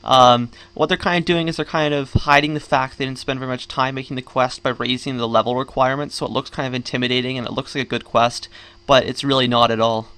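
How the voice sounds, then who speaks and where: This gaming vlogger talks fast in a steady, medium-pitched voice whose tone is sharp, clear, and resonant. He rambles and grumbles through casual game commentary despite a sore jaw and swollen cheeks left by wisdom tooth surgery.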